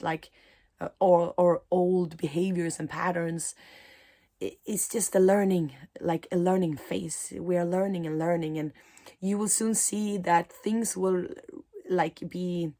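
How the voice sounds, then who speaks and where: A woman who works as a mindset coach and spiritual teacher gives a reflective talk to camera. She pauses often, using soft fillers, and her voice has a fairly low pitch.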